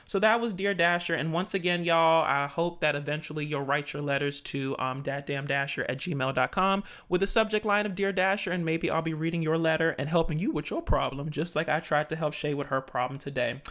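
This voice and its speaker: A man in his thirties with a naturally high voice, hosting his own casual podcast in an animated, sassy way. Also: fairly quick, hardly any pauses. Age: 30s. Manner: animated, sassy, with playful exclamations. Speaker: podcast host.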